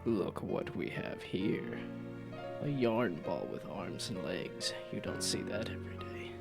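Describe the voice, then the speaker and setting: Guy doing scornful royal cat from a game, low rumbly gravel growl, slow n menacing, music behind. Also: expressive, heavily acted. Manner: slow, regal, formal menace. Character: imperious gravelly yellow-eyed cat ruler, proud and scornful.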